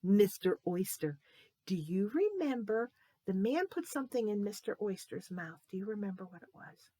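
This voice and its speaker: A woman telling a children's Bible story in an animated way, often stopping to ask the young listeners questions. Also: medium pitch, normal speed, no echo.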